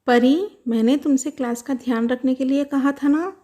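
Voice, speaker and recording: A woman's voice: high voice, normal speed, mellow. A woman voicing a strict but kind schoolteacher in a doll-show story, giving instructions and scolding students. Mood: stern. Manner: firm, instructive. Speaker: teacher.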